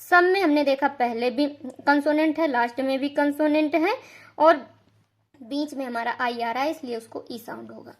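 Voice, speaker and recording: A woman teaching English pronunciation rules, explaining slowly and patiently, repeating each rule and spelling out example words. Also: high voice. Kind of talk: slow classroom-style explanation.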